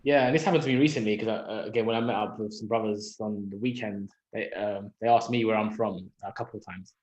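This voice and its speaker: A young Londoner with a London accent chats casually and reflectively on a podcast, thinking aloud and asking himself questions. His voice is lowish, steady, fast and a little mellow. The lo-fi recording has a roomy echo.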